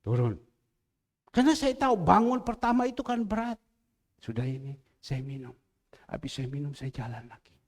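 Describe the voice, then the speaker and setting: A man preaching a sermon as pastor, swinging between loud, emphatic lines and hushed asides and repeating key phrases for emphasis. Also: on the high side, very animated, moderate pace, pauses often.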